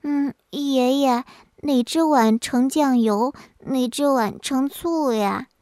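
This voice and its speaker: A woman voicing a dim little grandson who asks slow, hesitant questions. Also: sits high, dark tone, no echo, clean studio sound. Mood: puzzled.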